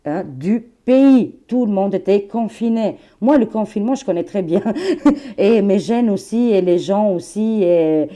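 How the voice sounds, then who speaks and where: A woman's voice: mid-range voice, lively intonation, unhurried, warm tone. A woman in her forties with an Albanian accent, talking casually to her viewers as a tarot channel host, chatty and laughing, with many fillers. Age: 40s.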